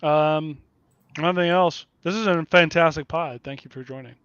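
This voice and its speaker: Male host, casual and profane, laughs easily; slightly high voice, muffled dry lo-fi recording. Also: moderate pace, a bit bright, smooth, no room sound. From Kansas City area, USA. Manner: profane, blunt, laughs a lot. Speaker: podcast host. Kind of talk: casual chat. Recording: dull lo-fi dry sound.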